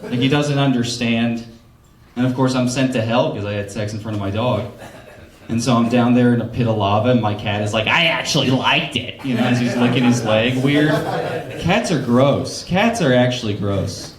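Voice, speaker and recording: A man's voice: mid-range voice, moderate pace. Rambling man doing stand-up in an echoey club. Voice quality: loose, rambling delivery with frequent laughs and asides. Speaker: stand-up comic hosting an open mic. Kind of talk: stand-up comedy with crowd work. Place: comedy club stage. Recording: roomy club sound.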